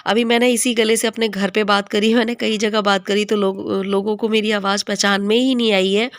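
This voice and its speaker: A woman in her thirties from India talks to her viewers in a homely, chatty way, her voice hoarse from a cold. Her pitch stays flat and even, sitting in a middle range. The sound is dry and close, with no room echo. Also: moderate pace. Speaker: vlogger. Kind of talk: casual home vlog narration. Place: home.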